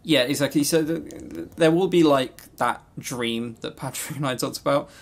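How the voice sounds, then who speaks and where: A podcast co-host chats casually and without a script about visual novels, rambling, joking and swearing now and then. His voice sits a little high, with vocal fry, at a normal speed.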